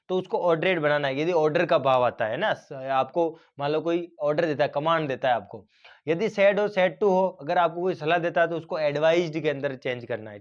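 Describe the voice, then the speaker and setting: A man's voice: on the high side, highs cut off. A man teaching a grammar lesson, explaining step by step and asking and answering his own questions.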